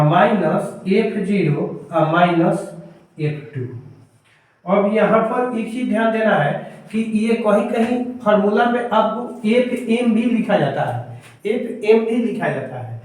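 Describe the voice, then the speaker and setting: A male math teacher, explaining a lesson step by step and answering his own questions. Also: sits high. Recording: echoey room, voice far from mic.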